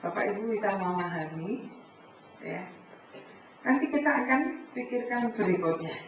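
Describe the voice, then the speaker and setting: A woman giving a preaching talk to a congregation, animated, acting out conversations and often addressing her listeners directly. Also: medium pitch, moderate pace. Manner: animated, acts out dialogue, keeps addressing the listeners. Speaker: speaker at a church family fellowship. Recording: echoey hall from far off, dull sound, faint noise.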